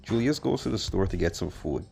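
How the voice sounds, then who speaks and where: A man with a low, gravelly voice rolls through a film recap, blunt and mocking, dropping slang as he goes. Faint music sits beneath his commentary. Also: lively intonation, brisk, a little mellow. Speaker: movie reviewer. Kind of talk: sarcastic movie review commentary.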